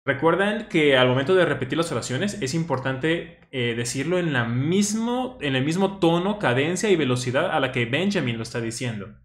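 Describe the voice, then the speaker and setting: A man who stutters now and then, explaining a study deck in a relaxed, thinking-aloud way. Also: a little high, normal speed, few pauses. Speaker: language teacher reviewing a study deck. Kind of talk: casual explanatory commentary. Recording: roomy echo.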